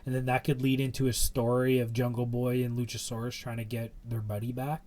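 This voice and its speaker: A young man talking through wrestling matches in a loose, rambling podcast chat. His voice sits at an ordinary middle pitch, and he fills his thoughts with "like" and "you know" as he goes. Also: level tone, brisk, a little mellow. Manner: chatty, rambling recap with many fillers. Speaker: podcast co-host.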